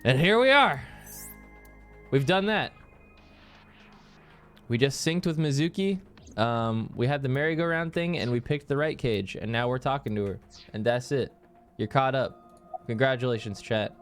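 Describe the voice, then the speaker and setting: A male streamer chatting at a desk mic, recapping the game for his chat. His pitch sits mid-range, but he swings it around, jumping into silly voices and sound effects. Faint music plays underneath. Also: measured pace, pauses often, fairly bright tone, clean tone.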